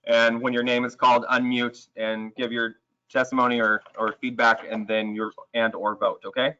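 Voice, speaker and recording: A man's voice: mid-range voice, level tone, moderate pace, sharp tone. A man, a mayor, chairing a council meeting on a video call and calling names in plain, procedural turns, his audio muffled as if he were speaking in a tunnel.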